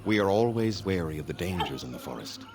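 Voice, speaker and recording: In a fantasy video game, a male actor with a deep voice plays a weary, haughty elven clan leader. He speaks formally, gravely and in a measured way, yet expressively, with a regretful mood. Background noise can be heard.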